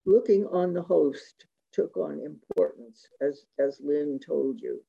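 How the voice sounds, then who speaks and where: Gravelly, dark-voiced man giving a lecture. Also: on the high side, lively intonation. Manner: measured, reading quotations aloud. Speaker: speaker giving a talk on Eucharistic spirituality. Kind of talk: reflective lecture with quotations. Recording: dull lo-fi recording.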